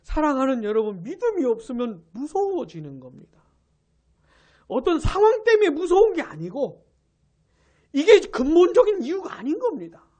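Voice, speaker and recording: A woman pastor preaching a New Year's Eve sermon. She tells the story with animation, asks the congregation questions and answers them, and drops to a hush for emphasis. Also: high-pitched, very animated, normal speed. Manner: drops to a hush for emphasis, then rises again.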